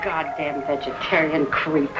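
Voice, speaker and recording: An actress playing a brash, crude, mocking middle-aged American wife in a 1970s film drama. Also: female voice, sits low, steady tone, measured pace, dull audio, over loud music. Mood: bitter. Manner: brash, crude, mocking, swings between teasing and bitter. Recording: film soundtrack with clear background noise.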